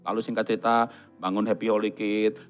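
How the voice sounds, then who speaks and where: A man's voice: on the low side, flat delivery, a little fast, smooth, soft background music. A middle-aged man with a voice, preaching a sermon in a church, telling stories and jokes and acting out the quoted voices. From Java. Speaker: pastor. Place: large church hall.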